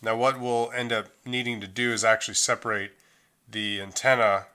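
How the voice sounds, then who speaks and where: A middle-aged man gives a hands-on phone repair tutorial at normal speed. His voice is a little low yet bright and forward, and his relaxed, unpolished delivery is full of fillers and restarts.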